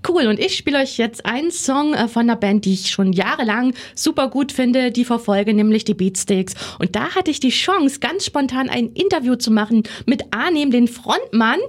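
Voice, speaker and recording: High voice woman, radio host, casual and enthusiastic interview chat. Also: expressive, normal speed, few pauses.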